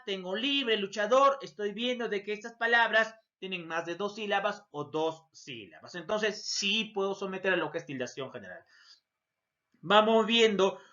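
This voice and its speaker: A man's voice: high voice, pushed and bright. A male Peruvian Spanish-speaking language teacher giving a recorded grammar lesson, talking straight to his students and asking their questions for them. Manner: addresses students directly and voices their questions himself. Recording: dull lo-fi recording.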